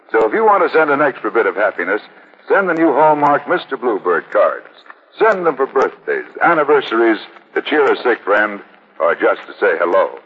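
A man's voice: medium pitch, husky. An American man in the polished sales delivery of an old radio announcer, reading scripted 1940s sponsor messages and credits. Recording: tinny vintage radio broadcast, music behind.

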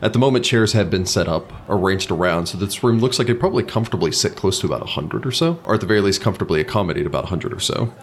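A man runs a tabletop game as game master, describing each scene at an easy pace and often pausing on fillers. His voice is low and deep, with a faint hiss behind it. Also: animated.

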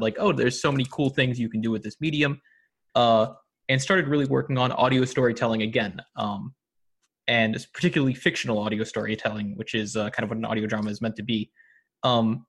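With a mid-range, fairly bright voice, this American audio drama producer chats informally as a podcast interview guest. He lays out his explanations clearly and articulately.

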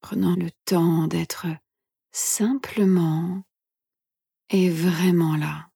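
A woman leads a guided meditation very slowly in a soothing, breathy near-whisper. Her tone is mellow and rather low, with soft pauses between phrases. The sound is close and dry. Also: steady tone, no echo. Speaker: meditation instructor and podcast host.

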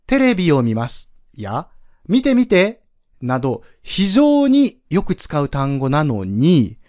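Slow, patient male language teacher. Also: fairly high pitch, wildly swooping pitch, darkish tone, no echo, studio quality. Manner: patient, slow step-by-step explaining with spoken demonstrations. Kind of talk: podcast pronunciation lesson.

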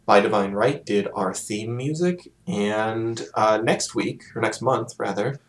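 A man's voice: fairly low pitch, a little slow. A man hosting a podcast, chatting casually and rambling with fillers and restarts. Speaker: podcast host. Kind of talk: casual chat.

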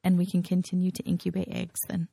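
A woman's voice: on the low side, monotone, fast, vocal fry, dark tone, breathy edge, no echo, studio quality. A woman co-hosting a casual podcast, chatting and gushing with frequent laughs, rambling as she goes. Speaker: podcast co-host. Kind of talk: casual chat.

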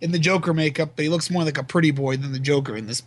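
A man co-hosting a casual podcast, loud and sarcastic, joking and swearing often. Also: a little high, steady tone, rapid-fire. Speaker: podcast co-host. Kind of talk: casual chat.

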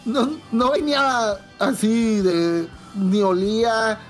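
A woman's voice: fairly high pitch, takes it slowly, soft background music. A woman with a Mexican accent, a podcast guest telling slangy, profane stories in casual chat and acting out the dialogue. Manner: slangy, profane, animated anecdotes with quoted dialogue.

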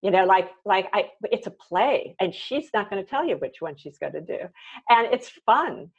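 A woman's voice: medium pitch, big pitch swings, normal speed, slightly rough. A woman hosting a casual conversation, reflective and rambling, with many fillers. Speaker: host. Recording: dull lo-fi sound.

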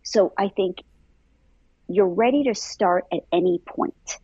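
A woman with a husky, slightly breathy voice talks through her ideas on teaching in a relaxed interview. She circles back on her words and hedges with "I feel". The sound is dry and a little dull. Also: mid-range voice, slow pace, no echo. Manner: thoughtful, repeats words, frequent "I feel" and "um". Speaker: dance instructor trainer, interview guest. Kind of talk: conversational interview answers.

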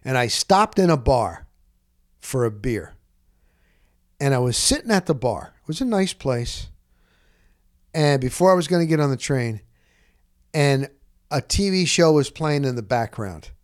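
In studio-quality audio with no echo, a middle-aged sports podcast host speaks at a measured pace with a medium pitch, pausing often. His monologue is casual and rambling, an animated, informal run of stories with frequent self-interruptions.

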